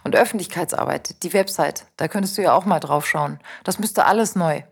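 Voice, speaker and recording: A brisk, chatty woman colleague who rambles cheerfully through her explanations with a hint of impatience, as a woman narrator reads her lines. The voice sits fairly low for a woman. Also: vocal fry, breathy edge, heavily acted.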